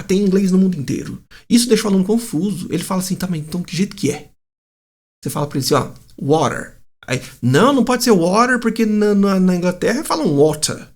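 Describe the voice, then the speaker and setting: A Brazilian-accented English teacher talks straight to camera with a gravelly, creaky edge. The pitch swings widely from line to line, and the teacher often slips into students' worried inner voices. The delivery is casual and animated throughout. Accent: Brazilian Portuguese.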